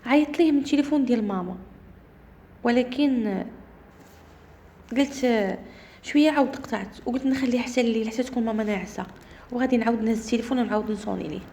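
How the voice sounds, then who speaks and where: A woman with a Moroccan Arabic accent tells a first-person horror story at a rapid clip. Her voice sits high, yet its tone is soft and mellow rather than bright. She keeps the telling brisk and suspenseful. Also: slight background noise.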